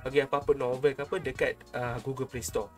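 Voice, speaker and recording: A young Malaysian-accented man hosts a YouTube vlog, chatting casually with his subscribers like an older brother from close to a desk mic. His medium-pitched voice stays fairly level and moves a bit quickly. He's in a small room at home, with music playing in the background.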